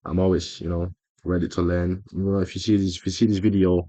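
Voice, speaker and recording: A man's voice: sits low, level tone, fast talker, dark tone, no echo. A man explaining a trading strategy over his screen in a casual tutorial, rambling with frequent fillers and self-corrections. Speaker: trading educator.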